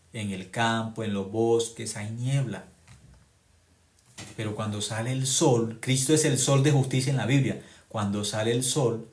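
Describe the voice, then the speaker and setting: A man preaching a sermon, repeating phrases for emphasis and swinging from loud exclamations to quiet, low lines. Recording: echoey room.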